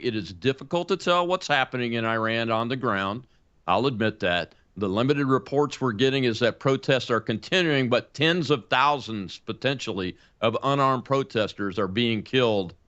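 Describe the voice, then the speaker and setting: A man's voice: medium pitch, moderate pace, a bit bright, muffled recording. A man in his sixties hosting a political talk show, speaking emphatically with frequent fillers and restarts. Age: 60s.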